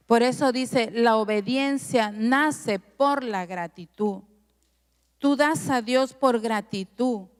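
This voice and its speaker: Lady pastor preaching, lots of "¿no?", high pitched, echoing church. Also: clean tone. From Peru. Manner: conversational preaching, tag questions, acts out customers' voices. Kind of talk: sermon.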